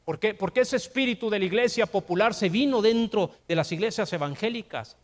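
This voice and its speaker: An older man preaching a sermon in a Mexican accent, emphatic, with rhetorical questions and rising to shouts. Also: high-pitched, brisk. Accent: Mexican Spanish. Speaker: pastor.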